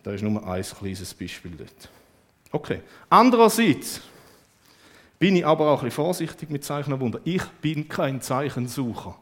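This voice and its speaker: A man preaching a sermon, lively and emphatic, with sudden swings in loudness. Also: medium pitch, normal speed.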